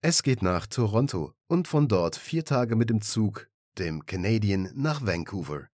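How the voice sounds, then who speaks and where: A man narrates an audiobook with even, measured storytelling. His voice is on the low side and the recording is dry and close. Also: no room sound.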